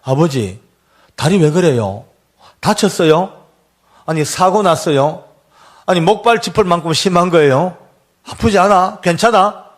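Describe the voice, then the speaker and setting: A man voicing a gentle young condemned son. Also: high-pitched, animated, unhurried, pauses often. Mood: worried. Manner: gentle, tender pleading. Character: calm young male death-row inmate, devoted son.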